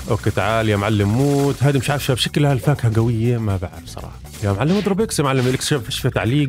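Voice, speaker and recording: A man giving casual, rambling gameplay commentary, chatting to his viewers as he plays. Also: mid-range voice. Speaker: gaming YouTuber.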